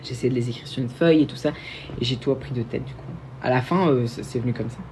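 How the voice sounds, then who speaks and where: A man's voice: mid-range voice, fast, warm tone, a little hiss or hum. A young man from Belgium, hosting a casual livestream and answering viewer questions in a chatty, self-mocking way with frequent restarts. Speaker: livestream host.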